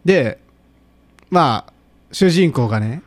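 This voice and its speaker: A man chats casually as a podcast co-host. His voice is a touch high, and its pitch swings widely. He rambles through his guesses and laughs often. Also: slow. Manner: animated, laughing, speculative rambling. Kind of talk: casual chat.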